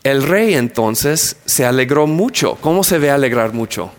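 Preacher telling a story. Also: male voice, mid-range voice, lively intonation, a little slow. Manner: storytelling, playful asides, acts out scenes. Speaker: pastor. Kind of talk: sermon.

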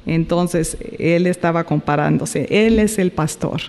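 A man's voice: a little high, gravelly, a little mellow, in a large hall. A man teaching a small Bible study group, reading quotes aloud, asking the group questions and correcting himself as he goes. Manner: asks the group questions, pauses and self-corrects.

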